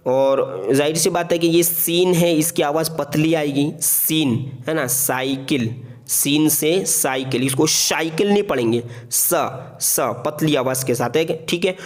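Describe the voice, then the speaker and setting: Patient man teaching alphabet letters. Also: on the high side. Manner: patient, repeats letters slowly with frequent check-ins. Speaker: Urdu teacher. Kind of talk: alphabet lesson narration.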